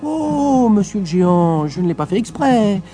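A man doing a squeaky, cocky little tailor. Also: sing-song, measured pace, mellow, soft background music. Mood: cheeky. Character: small boastful male tailor, cheeky and proud. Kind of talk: storybook reading.

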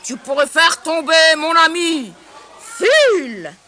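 A woman voicing a calm, protective male lion in a storybook, speaking slowly and deliberately. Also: very high-pitched, voice pushed up, full character voice.

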